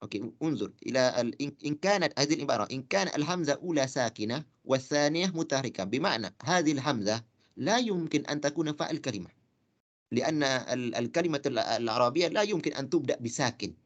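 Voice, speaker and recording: A man teaching Arabic grammar in a lecture. He talks haltingly, with many fillers, and repeats words slowly. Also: mid-range voice, lively intonation, lo-fi sound. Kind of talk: classroom lecture.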